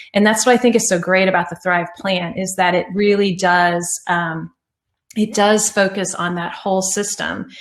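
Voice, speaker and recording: A woman's voice: medium pitch, fairly bright tone. A woman giving an informal, conversational presentation to an online audience, feeling her way through phrases and rephrasing as she goes. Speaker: presenter of an online climate talk. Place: indoor room on an online meeting. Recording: roomy, echoey sound.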